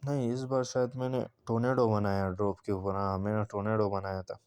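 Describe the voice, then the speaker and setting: A man's voice: lowish voice, level tone, brisk, darkish tone, clear, resonant tone. A man giving a casual gameplay commentary voice-over, recounting his match and talking straight to the viewers. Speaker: gaming channel creator.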